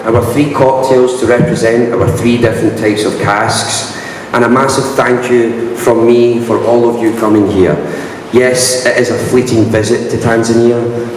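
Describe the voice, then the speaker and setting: A man with a broad Scottish accent giving an informal, self-deprecating promotional speech as the host of a live event. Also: lowish voice. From Scotland. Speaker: whisky brand ambassador, event host. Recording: echoey hall, distant mic, noisy room.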